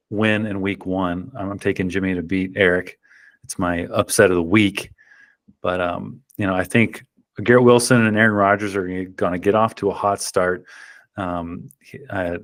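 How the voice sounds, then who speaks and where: Low-voiced rambling podcast host. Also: male voice, dry recording, clean studio sound. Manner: rambling with many ums and restarts. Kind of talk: casual chat.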